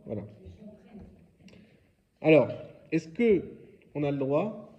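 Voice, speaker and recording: This male rabbi runs a religious quiz lesson in a relaxed, explanatory way, asking his class questions and then supplying the answers. He speaks slowly with a fairly high, very animated voice, and the audio has its highs cut off.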